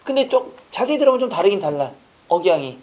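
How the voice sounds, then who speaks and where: A man teaching an online exam-prep lecture, quizzing listeners with rapid rhetorical questions and casual joking asides. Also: sits high, sing-song, darkish tone.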